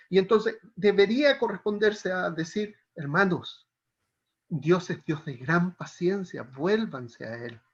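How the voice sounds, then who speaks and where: A man teaching a Bible counseling class, explaining step by step and often checking in with his students. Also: sits high. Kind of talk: classroom lecture. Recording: dull lo-fi classroom recording.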